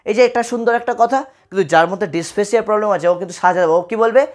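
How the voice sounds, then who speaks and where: A man's voice: high-pitched, brisk. Bengali guy teaching class, goes over stuff again and again, keeps asking if u got it. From West Bengal, India. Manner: repetitive, asks students check-in questions. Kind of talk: exam-prep lecture.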